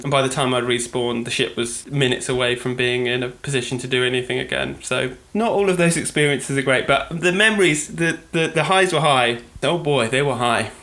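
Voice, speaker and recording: A man's voice: medium pitch, bright, forceful tone. A man from Britain co-hosting a podcast, talking in a rambling, chatty way and often correcting himself mid-sentence. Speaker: podcast co-host. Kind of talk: casual podcast monologue.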